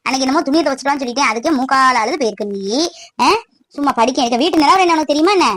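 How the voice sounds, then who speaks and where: A woman's voice: high voice, lively intonation, very fast, fairly bright tone, no echo. A woman voicing a hardworking village mother in a cartoon who scolds and complains, with a dry close sound. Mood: scolding.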